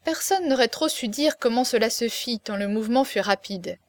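A woman reading a classic novel aloud as narrator, with lively, expressive storytelling. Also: a little high, moderate pace, dry recording.

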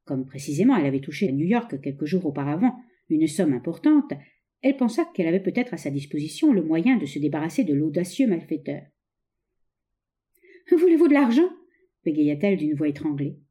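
A woman narrating a novel as an audiobook, with expressive, dramatic storytelling. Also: deep voice, fast talker.

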